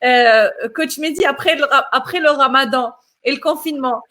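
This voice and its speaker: A woman's voice: high voice, moderate pace, a bit bright. A woman hosting a live interview, asking polite, formal questions. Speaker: host.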